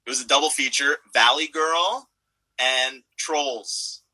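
Easygoing man hosting a live video chat, bright slightly husky voice. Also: medium pitch, takes it slowly, low-quality recording. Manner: easygoing, enthusiastic, laughs along. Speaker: live stream host. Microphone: video call.

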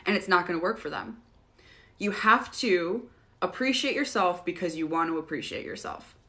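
A woman hosting a casual live Q&A, relaxed and chatty, often laughing as she answers viewers. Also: on the low side, moderate pace. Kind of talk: casual livestream Q&A.

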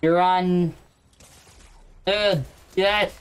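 Drunk young man, very slow speech. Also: high-pitched, fairly even intonation, smooth. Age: 20s. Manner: slurred, rambling, teasing. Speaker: streamer. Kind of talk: casual chat while gaming.

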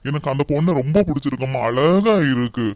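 A man's voice: mid-range voice, lively intonation, fast talker, a little mellow, no echo, close to an everyday voice. A man voicing an earnest young bridegroom who sincerely pleads with his mother in a cartoon.

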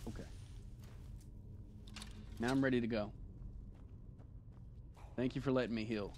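This young man hosts gaming videos, cracking jokes, cursing freely and taunting the foes he battles as he plays. He speaks at medium pitch with a measured pace, and steady background noise runs throughout.

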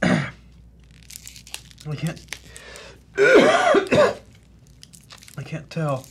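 A man reviewing hot sauce in a casual tasting vlog, halting and coughing often between sighs. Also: extremely high pitch, wildly swooping pitch, vocal fry. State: coughing from spicy powder.

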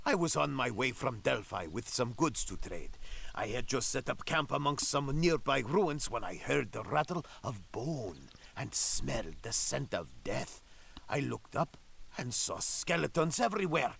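Gravelly fleeing trader. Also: male voice, medium pitch, very animated, measured pace, fairly bright tone, heavily acted. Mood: rueful. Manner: telling a tale of fleeing. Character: frightened male traveling trader, middle-aged. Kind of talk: game character voice acting.

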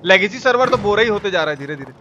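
In very fast, pushed, and bright speech with lively intonation and a high-sitting voice, a Bihari Hindi-accented streamer from India delivers foul-mouthed, teasing live gaming commentary and chats with viewers colloquially. The sound is lo-fi and clearly noisy, with the game audible behind.

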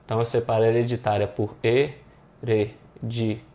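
Male Brazilian teacher with a mid pitch, walking students through grammar questions in a didactic, question-and-answer way. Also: brisk, darkish tone. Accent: Brazilian Portuguese. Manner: didactic, checks in with frequent rhetorical questions. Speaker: online exam-prep teacher. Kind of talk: explaining grammar exercises.

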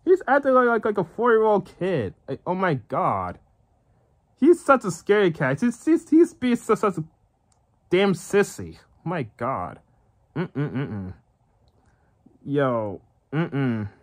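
A man's voice: high voice, big pitch swings, takes it slowly, long pauses. A man hosting a gaming channel, giving casual reaction commentary with lots of stammering, repetition and giggles.

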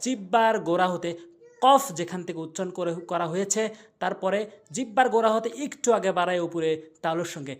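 A man teaching Quran pronunciation, explaining where each letter is formed and repeating the sounds slowly to demonstrate them. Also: high-pitched. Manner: slow and repetitive, demonstrating each letter sound several times. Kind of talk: step-by-step pronunciation lesson.

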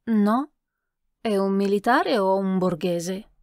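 A shy young lady companion who speaks quietly and timidly, voiced by a woman reading aloud. The recording is dry and close. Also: medium pitch, slow pace, no echo, close to an everyday voice. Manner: soft, timid.

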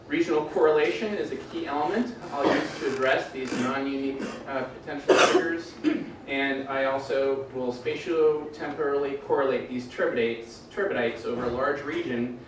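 Man presenting research at a lecture, relaxed, dry humor, very echoey far-off room sound. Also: medium pitch, a little hiss or hum. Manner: relaxed, with dry jokes and frequent "uh" fillers. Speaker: doctoral candidate presenting his defense. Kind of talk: academic presentation.

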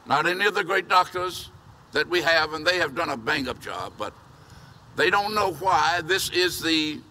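An older man, apparently a pastor, preaches a sermon outdoors from a podium to a drive-in congregation in a church parking lot. His voice is a little high, bright and forceful, moving at a moderate pace with expressive delivery, and he earnestly repeats key phrases for emphasis. The podium mic catches him from a distance, with slight background noise.

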